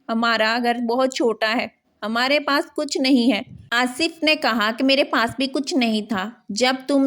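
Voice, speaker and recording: Female storyteller, slightly high voice, steady scripted first-person romance narration.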